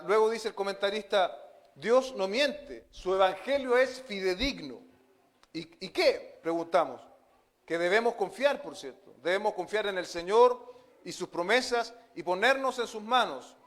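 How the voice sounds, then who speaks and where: High-voiced pastor preaching. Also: male voice. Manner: earnest, with frequent fillers and repeated amens. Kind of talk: expository sermon.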